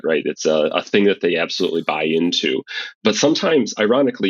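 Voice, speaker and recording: A man, a professor, giving earnest, measured interview answers, often checking in with "right?". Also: low-pitched, no room sound, dull audio. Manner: earnest, measured, tag questions. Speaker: guest author, professor.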